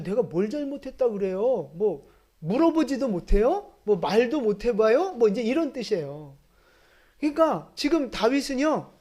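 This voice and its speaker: A woman pastor preaches to her congregation. Her pitch rises and falls in a lively way, and she often puts questions to the listeners. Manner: lively, talks to the congregation with questions and acted quotes. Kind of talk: sermon. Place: church sanctuary.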